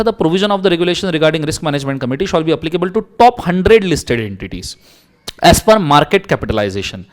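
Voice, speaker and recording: Indian male lecturer, higher voice, lively Hinglish teaching with joking asides. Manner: reads legal text slowly, word by word. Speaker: law teacher. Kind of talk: recorded exam-prep lecture.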